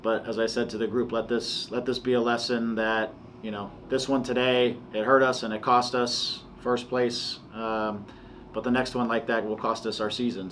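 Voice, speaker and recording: Press-conference coach, man in his forties: lowish flat voice, measured and halting, slight hiss behind. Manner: measured, halting, many restarts and fillers. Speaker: soccer head coach. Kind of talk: post-match press conference. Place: press room before a sponsor backdrop.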